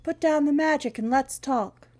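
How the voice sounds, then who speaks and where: A woman reader voicing a tough, blunt field agent, loud and raised in pitch, story reading. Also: unhurried, natural voice. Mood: shouting.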